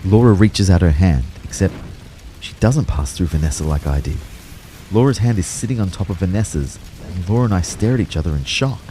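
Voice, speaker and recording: There's a little hiss or hum behind this low, slightly fast male voice. A young man voices the anxious narrator of an audio drama about his out-of-body ordeal, with first-person narration and acted dialogue, tense and reflective in mood. His expressive performance slides from hushed narration into urgent pleading.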